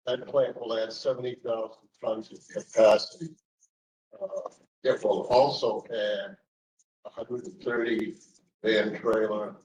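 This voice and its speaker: Echoey, lower-pitched man with a Boston accent. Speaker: engineering executive speaking at a public meeting. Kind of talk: public comment to a commission. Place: indoor public meeting room. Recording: echoey meeting room, distant microphone.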